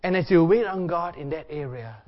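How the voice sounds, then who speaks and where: A man's voice: fairly high pitch, fairly quick, dull audio. A man preaching a sermon and guided prayer, instructing the congregation in repeated, simple phrases.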